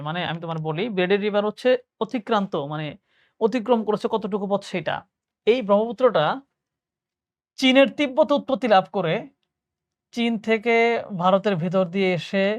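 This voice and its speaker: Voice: medium pitch, no echo. Teacher with a Bangladeshi accent, dry room. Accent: Bangladeshi Bengali. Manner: explains step by step, reads questions aloud and answers them; self-correcting, thinks aloud. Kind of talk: admission exam lesson.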